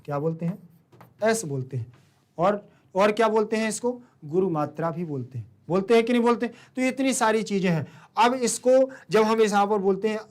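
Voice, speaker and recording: High-voiced Indian man teaching Sanskrit. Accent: Hindi-speaking Indian. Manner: asks the class questions and answers them himself. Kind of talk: explaining a Sanskrit lesson to students.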